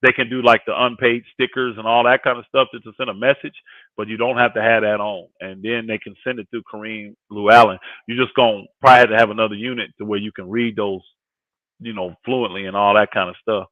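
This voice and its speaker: With a lower-pitched, steady voice, a man of fifty talks quickly as guest co-host and sports commentator on a livestream panel. He's casual and emphatic, repeating phrases to push his points, and there's no room sound, just thin, phone-like audio.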